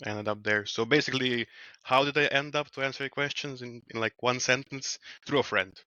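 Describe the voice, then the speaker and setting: A man's voice: medium pitch, fairly quick, clean tone, no echo, dull audio. A man in his twenties from Slovenia with a Slovenian accent, telling stories as a guest in a casual interview over a headset video call. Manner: relaxed, laughs often, trails off mid-sentence. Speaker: guest, wilderness guide. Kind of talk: casual storytelling. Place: small room at home. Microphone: headset mic on a video call.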